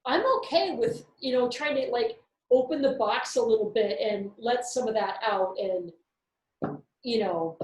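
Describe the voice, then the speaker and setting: A woman with a high, bright voice talks through a casual faith discussion as a co-host. She is candid and animated, and the room around her rings with echo. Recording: echoey room.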